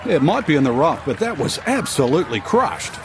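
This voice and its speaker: A man giving golf commentary as the analyst in a televised-style game broadcast, measured and matter-of-fact. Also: a little high, sing-song, a crowd in the background, noisy background.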